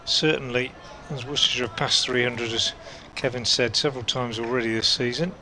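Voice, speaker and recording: A man working as a cricket commentator, calling play ball by ball in a measured way with pauses mid-sentence. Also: mid-range voice, fairly even intonation, pushed and bright, low-quality recording. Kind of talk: live cricket commentary with unhurried ball-by-ball description. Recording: outdoor ambient noise behind voice.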